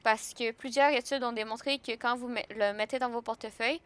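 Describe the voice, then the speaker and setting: A woman's voice: fairly high pitch, steady tone, brisk, fairly bright tone, clean tone. A young woman with a Québécois French accent chatting casually on a live stream, joking and answering her chat.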